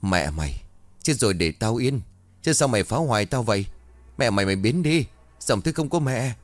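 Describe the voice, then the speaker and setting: Brief: desperate young mom, shrill and sobbing, played by a male narrator, voice pushed high and swooping. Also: lively intonation, normal speed, no echo, natural voice. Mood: furious cursing. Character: frantic grieving young mother, shrill and desperate.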